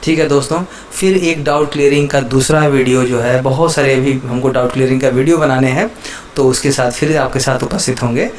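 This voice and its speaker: A man's voice: mid-range voice, steady tone, brisk, slight background noise. A man teaching Hindi letters to viewers, patiently repeating each example word and checking in with the listener again and again.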